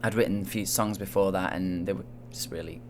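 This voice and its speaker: With a steady tone and a low-pitched voice, a young soul singer from Manchester, England, talks a little fast in a casual interview. He is soft-spoken and hesitant, peppering his answers with fillers, and there is slight background noise.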